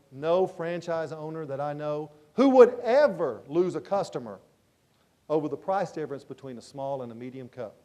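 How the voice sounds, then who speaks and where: A man giving a motivational keynote on a conference stage, telling stories in an animated way and repeating his key points. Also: fairly high pitch. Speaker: keynote speaker.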